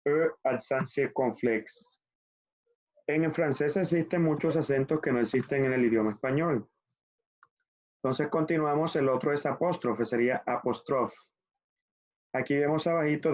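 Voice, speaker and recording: A man teaching an online French class in Spanish, explaining patiently step by step and spelling letters out slowly. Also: fairly high pitch, darkish tone. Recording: muffled lo-fi online class audio.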